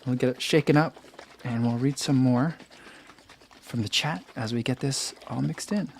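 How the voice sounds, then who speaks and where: There's slight background noise as a young man with a soothing mid-range voice hosts a casual running stream from home, speaking at a moderate pace into a desk microphone next to his computer. He reads comments aloud and chats in a relaxed way, laughing readily and using many fillers.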